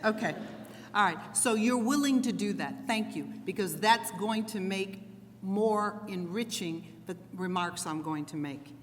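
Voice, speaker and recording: A middle-aged woman giving a lively keynote speech, playfully leading the audience in call-and-response. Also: mid-range voice, measured pace. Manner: energetic, playful, commanding the crowd. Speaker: keynote speaker. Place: large hall with audience. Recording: long hall reverb, faint crowd noise.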